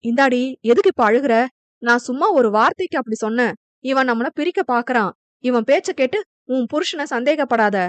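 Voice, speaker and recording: A woman voicing a quarrelsome, teasing young husband who fires off quick, mocking retorts. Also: high-pitched, lively intonation, no room sound. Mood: pleading.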